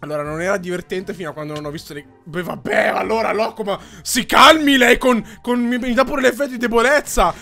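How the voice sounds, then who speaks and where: A man in his thirties giving lively game commentary to his viewers, exclamatory and mock-exasperated. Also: high voice, a little fast, vocal fry, few pauses, soft background music. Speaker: gaming YouTuber host.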